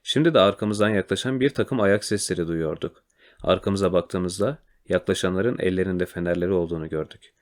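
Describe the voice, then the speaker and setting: A man reads a children's adventure story aloud in a quiet, measured way. His voice is very low and deep, and the telling stays calm and steady. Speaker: narrator. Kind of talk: storybook reading.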